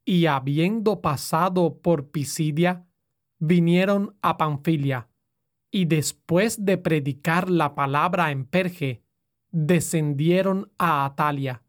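A woman reading scripture aloud in a solemn, measured way. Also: low voice. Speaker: scripture reader.

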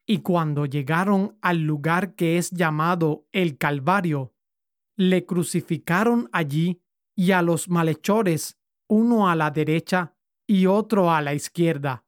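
A woman reading scripture aloud in a measured, formal way. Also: lowish voice, dry recording, studio quality. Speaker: scripture reader.

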